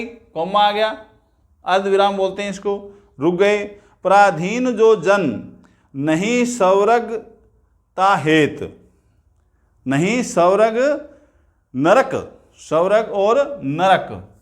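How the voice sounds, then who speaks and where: A man with a fairly high voice teaches a grammar lesson at an unhurried pace. He drills key terms by asking questions and then answering them himself. He recites lines of verse slowly and distinctly. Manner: slow, repeats key terms, asks and answers his own questions. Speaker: Hindi teacher. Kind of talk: grammar lesson on figures of speech.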